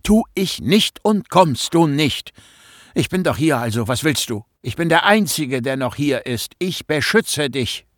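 A man's voice: on the high side, lively intonation, unhurried, no echo, clean studio sound. Man voicing an anxious teenage schoolboy. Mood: earnest. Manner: agitated, pleading. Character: anxious teenage schoolboy, first-person hero. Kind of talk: audiobook reading.

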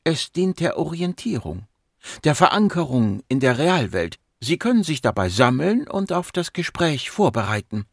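A man's voice: on the high side, sing-song, moderate pace, creaky, no echo, studio quality, pitched above the performer's own voice, full character voice. A man reading a patient, composed female psychiatrist in her fifties, raising his voice to play her. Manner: patient, firm, soothing.

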